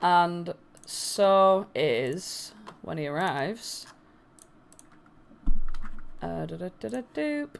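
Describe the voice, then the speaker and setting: A woman's voice: lowish voice, drawn-out words, creaky, long pauses, clear, resonant tone. A woman improvising casual narration in a tabletop role-playing game.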